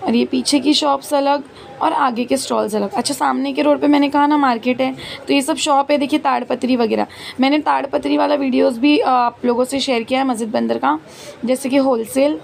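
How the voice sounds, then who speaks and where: Gravelly high-voiced woman touring a market. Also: fairly even intonation, fairly quick. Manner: chatty, listing prices as she walks. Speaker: market vlogger. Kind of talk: walking market tour vlog. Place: busy outdoor street market. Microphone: handheld phone camera. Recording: street noise in background. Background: street market ambience.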